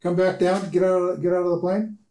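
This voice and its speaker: A man's voice: sits high, level tone, a little fast, warm tone. A man speaking as a guest on a casual interview podcast, rambling with lots of fillers. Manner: rambling, lots of "uh" and "you know". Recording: roomy echo.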